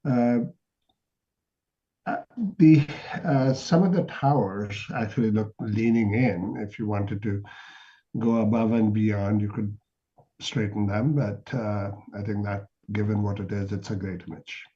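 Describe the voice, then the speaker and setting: A man's voice: on the low side, fairly even intonation, a little slow, mellow. A man judging a photo competition, giving a hesitant critique full of filler sounds. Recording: dull lo-fi sound.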